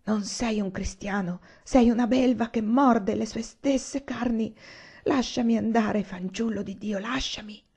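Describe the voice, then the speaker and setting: A woman voicing a desperate young woman who pleads in hushed whispers, as whispered role-play. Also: on the high side, measured pace, husky, voice pushed up. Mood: bitter whisper. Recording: dull lo-fi recording.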